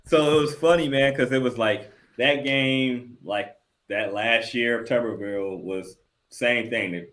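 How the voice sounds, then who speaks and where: A man's voice: lowish voice, fairly bright tone. Rambling male sports publisher guest. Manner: loose, rambling storyteller. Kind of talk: casual sports interview.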